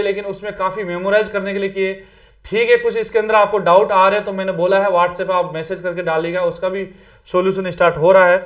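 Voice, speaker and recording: A man with a fairly high voice gives a casual coaching lecture to exam candidates. He talks in a loose, conversational way, mixing English terms into his speech and checking in with "theek hai" as he goes. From Rajasthan, India. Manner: chatty, repeats "theek hai", mixes English words.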